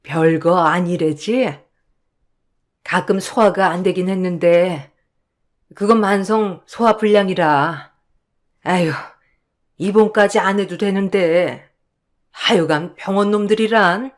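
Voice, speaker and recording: Someone doing a soft older mom comforting her kid, slow, resigned, radio story. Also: medium pitch, natural voice. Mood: dismissive. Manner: soothing, resigned. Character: gentle older mother, dying yet calm. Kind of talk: Korean radio drama reading.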